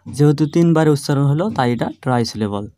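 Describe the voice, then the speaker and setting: A man's voice: medium pitch, expressive, warm tone, dry recording. Patient male teacher, dry close sound. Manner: slow, drawn-out syllable-by-syllable demonstrations; patient, explanatory classroom delivery. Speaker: English grammar teacher. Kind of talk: online grammar lesson.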